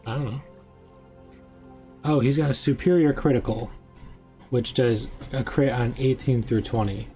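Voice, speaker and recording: Rambling young game master, faint music under. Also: male voice, medium pitch, unhurried, pauses often. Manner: rambling, filler-heavy, excitable. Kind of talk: casual chat on a live stream.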